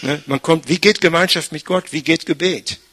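A man's voice: a little high, moderate pace, a bit bright. An older man, a pastor, preaching a conversational sermon, frequently tagging his sentences with "ne?". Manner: chatty, frequent tag "ne?".

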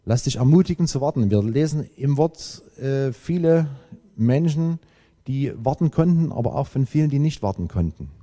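A man preaching a sermon, emphatic and lively, with dramatic pauses. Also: mid-range voice. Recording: long hall reverb.

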